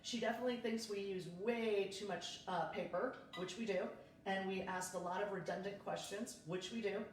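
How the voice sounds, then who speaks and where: Livestreaming from her kitchen at home, this realtor in her thirties talks casually and welcomes viewers by name. She speaks at a normal speed with a medium pitch and a steady tone. The mic is distant, the room echoes, and soft music plays in the background.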